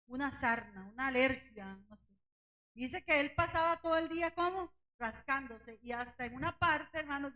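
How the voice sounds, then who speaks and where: A woman leading a church Bible study, asking the congregation questions and rising to near shouting on her main points. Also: sits high, low-quality recording. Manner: questions the congregation and calls them brothers.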